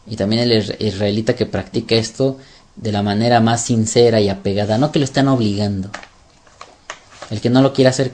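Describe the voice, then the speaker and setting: Emphatic male religious teacher. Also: fairly low pitch. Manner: emphatic, with rhetorical questions. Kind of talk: sermon-style Bible teaching.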